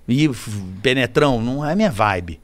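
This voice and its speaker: Animated Carioca man telling stories. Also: medium pitch, moderate pace. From Rio de Janeiro. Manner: animated, swearing, laughing anecdotes. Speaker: podcast guest. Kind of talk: casual storytelling.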